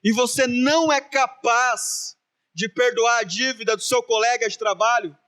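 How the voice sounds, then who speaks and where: Man doing a high-pitched stern king, plain delivery. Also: normal speed, bright, forceful tone. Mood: indignant. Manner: firm, conversational, then scolding. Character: stern wealthy king, man, middle-aged.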